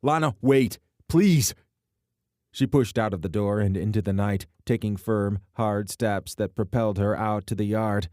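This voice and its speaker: A man reading a romance novel aloud as narrator, steady and even, close to the mic. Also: fairly low pitch, moderate pace, few pauses, dry recording. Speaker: audiobook narrator. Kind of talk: scripted narration.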